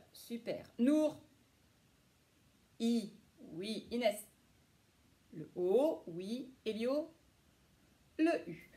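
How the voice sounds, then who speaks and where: Woman teacher, slightly high voice, slow and clear with small children, faint noise behind. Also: darkish tone. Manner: slow, clear and encouraging, praising pupils by name. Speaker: primary school teacher. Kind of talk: recorded class lesson for young children.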